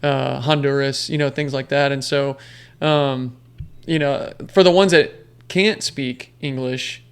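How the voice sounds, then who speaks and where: A man tells rambling stories as a podcast guest in casual conversation, full of fillers and restarts. His medium-pitched voice is steady, smooth and unhurried.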